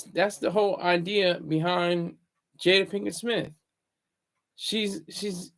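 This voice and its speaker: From a room at home, a man hosts a casual livestream in a deliberately low, hushed and creaky voice. He often halts and repeats words as he talks to viewers.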